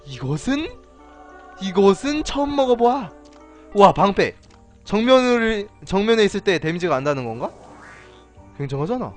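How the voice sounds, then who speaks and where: A male game streamer talks through his run in a lively, swooping voice, slightly higher than most men. He teases monsters with mock-villain taunts and casual swearing. Faint game music plays underneath. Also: normal speed, pauses often. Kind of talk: casual gameplay commentary.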